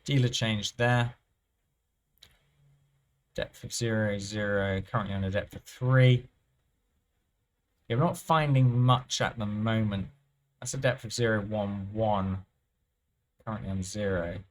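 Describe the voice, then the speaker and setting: A man giving thinking-aloud commentary over live roulette play, musing and unhurried, often trailing off and restarting his phrases. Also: on the low side, steady tone. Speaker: roulette strategy presenter.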